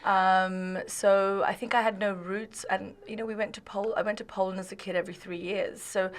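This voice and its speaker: A woman in her thirties talks as a podcast guest at an everyday middle pitch. She is chatty and laughs easily. She restarts her sentences often as she goes. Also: level tone, normal speed, a little hiss or hum. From Australia. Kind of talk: casual conversation.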